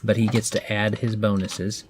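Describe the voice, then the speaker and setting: A man's voice: fairly low pitch, flat delivery, normal speed, noisy background. A man in his thirties narrating a tabletop game for a child as game master, patiently explaining the rules with plenty of fillers.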